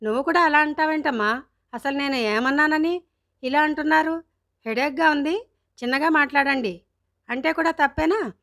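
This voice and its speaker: A woman's voice: high voice, moderate pace, pauses often, a bit bright, pitched above the performer's own voice. A woman reading a storybook, voicing an irritable teenage girl who argues back at her parents in an exasperated, raised voice.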